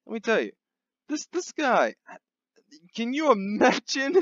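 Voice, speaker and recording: Slow-talking profane ranting man. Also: very high voice, very animated, fairly bright tone, dry recording. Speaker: host. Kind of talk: satirical comedic rant. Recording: dry, dull sound with faint music.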